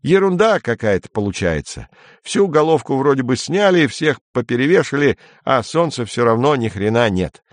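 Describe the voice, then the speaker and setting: A man's voice: medium pitch, sing-song, normal speed, no echo, pitched above the performer's own voice, lightly acted. A man voicing a bewildered rustic man with folksy, dumbfounded talk in a dry recording. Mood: grumbling.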